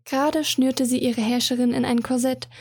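High husky female storyteller. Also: level tone, moderate pace, a little mellow, no echo. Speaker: narrator. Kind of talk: reading a romantic fantasy story.

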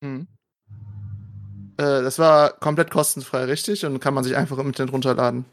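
A man's voice: mid-range voice, flat delivery, brisk. A man moderating a panel and presenting casually, with a joking, self-deprecating manner.

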